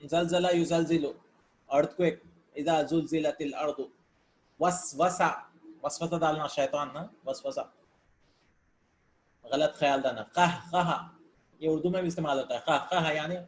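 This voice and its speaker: A man's voice: fairly high pitch, slight background noise. A man teaching Arabic grammar in a casual lesson, reading words aloud and explaining them in with English terms mixed in, sometimes thinking aloud.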